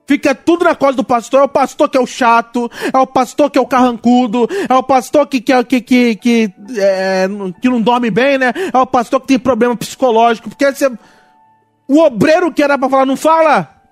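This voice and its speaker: A man with a Brazilian Portuguese accent preaching a sermon, swinging between loud rebukes and quiet asides. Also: very high-pitched, fairly even intonation, fairly quick, few pauses, no echo, faint music behind. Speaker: pastor.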